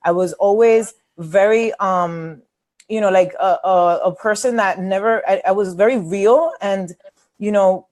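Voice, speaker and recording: A woman's voice: mid-range voice, unhurried, darkish tone. A woman, hosting a webinar as a coach in a candid, chatty way with many fillers. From New York City. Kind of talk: casual webinar talk.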